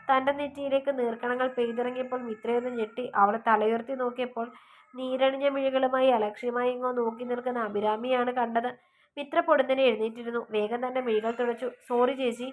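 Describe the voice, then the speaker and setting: A woman's voice: a little high, a little hiss or hum. Woman reading a story aloud. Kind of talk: scripted narration of a love story.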